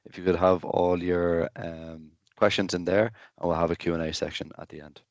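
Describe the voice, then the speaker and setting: A deep-voiced man introduces a session on a video call. His delivery is matter-of-fact and hesitant, with very little melody. The sound is dry and close. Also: level tone, normal speed, a little mellow, dry recording, lo-fi sound. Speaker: webinar host. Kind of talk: informal project introduction.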